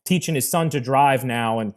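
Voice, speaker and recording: A man's voice: medium pitch, normal speed. A man hosting a podcast, framing a question with many hesitations and fillers. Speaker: podcast host. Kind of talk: podcast interview.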